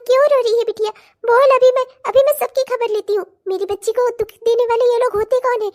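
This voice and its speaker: A woman voicing a fond, protective middle-aged mother who speaks tenderly to her daughter. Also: very high voice. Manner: tender, warm-hearted, quick to defend.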